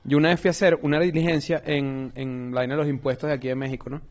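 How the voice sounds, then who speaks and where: A man rattles off anecdotes in a casual podcast chat. He talks very fast, and his voice sits a bit high. The recording is dull and lo-fi. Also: steady tone. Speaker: podcast co-host.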